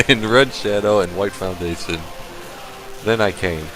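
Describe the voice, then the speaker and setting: A man doing a comedic read-aloud of a badly written story, deadpan and halting as he stumbles over the text. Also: on the low side, faint music behind. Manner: slow, halting, deadpan reading broken by laughter. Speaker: stream host reading a fan fiction aloud. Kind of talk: comedic dramatic reading.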